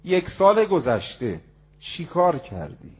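Husky male preacher telling a moral tale. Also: a little high, huge pitch swings, darkish tone. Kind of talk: sermon storytelling. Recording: dull lo-fi recording.

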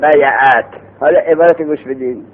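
A man teaching a lesson on grammar who quizzes his students and answers his own questions. He slows down to read the text aloud, then speeds up to explain it. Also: fairly high pitch, slight background noise. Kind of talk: Arabic morphology lesson. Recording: tinny phone-like sound.

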